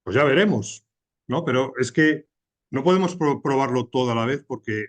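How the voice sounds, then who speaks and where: A man's voice: mid-range voice, normal speed. A man hosting a business podcast, asking questions in a conversational way and rephrasing them as he talks. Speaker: podcast host. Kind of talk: interview questions, casual chat.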